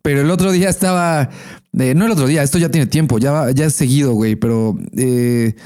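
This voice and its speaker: A man's voice: mid-range voice, brisk, warm tone. A young Mexican man co-hosting a podcast, swearing freely and telling stories with animation. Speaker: podcast co-host. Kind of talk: casual crude chat.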